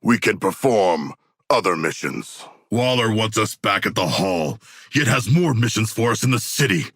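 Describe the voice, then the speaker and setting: A man playing a hulking, proud humanoid shark warrior in a video game, speaking in stilted, grandiose formal phrases with a gravelly voice. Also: on the low side, lively intonation, moderate pace, a bit bright, no echo, clean studio sound. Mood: earnest, solemn. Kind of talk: video game character dialogue.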